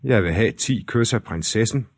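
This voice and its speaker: A man's voice: fairly low pitch, no room sound, studio quality. A man voicing a cheeky young prince disguised as a swineherd in a storybook reading. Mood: bold.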